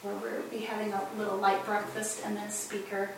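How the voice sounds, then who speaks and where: Woman, halting meeting report full of fillers; flat delivery, distant mic, heavy room echo. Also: medium pitch, background noise. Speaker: program coordinator reporting to a board.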